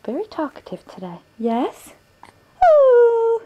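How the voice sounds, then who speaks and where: A woman's voice: a little high, moderate pace, lo-fi sound, noisy background. A young woman filming her baby at home for the grandparents, coaxing the baby with repetitive sing-song baby talk on a handheld camcorder in a bedroom.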